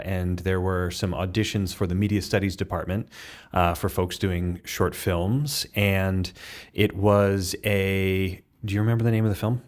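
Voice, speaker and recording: Guest from southern Maine, very low voice, easygoing rambling interview style. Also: male voice, smooth. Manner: friendly, rambling, many fillers. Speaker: filmmaker guest. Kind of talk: casual interview.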